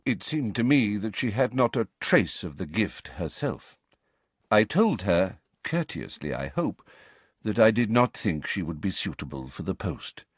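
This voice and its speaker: A man voicing an old male wizard headmaster who speaks in a measured, courteous and gentle way. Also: on the low side, sing-song, husky, dry recording, full character voice. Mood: grave.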